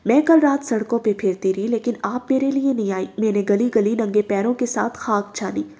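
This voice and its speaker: A woman reading aloud, voicing a bitter, obsessed young woman who shouts her grievances in pain. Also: on the high side, moderate pace, natural voice. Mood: bitter shouting.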